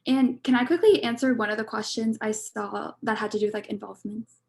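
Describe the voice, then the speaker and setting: A woman's voice: fairly high pitch, steady tone, brisk, creaky, darkish tone. A young woman student on a panel, talking casually and chattily over a video call. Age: young adult. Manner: chatty, many "like" fillers.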